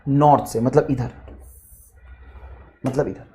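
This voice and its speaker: A man teaching physics in a classroom lecture style, calling students "beta" and drawing out English question text slowly. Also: mid-range voice, steady tone, dark tone.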